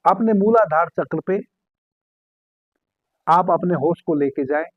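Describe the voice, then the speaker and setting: A man calmly giving guided meditation instructions as a spiritual teacher, repeating key phrases slowly. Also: on the high side, dry recording. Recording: tinny phone-like sound.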